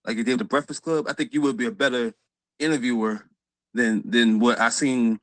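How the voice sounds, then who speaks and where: A male caller with a mid-pitched voice speaks hesitantly and politely, pausing often. The sound is dry and close. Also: steady tone, fairly bright tone, no room sound, poor audio. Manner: hesitant, polite, full of ums. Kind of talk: casual call-in chat.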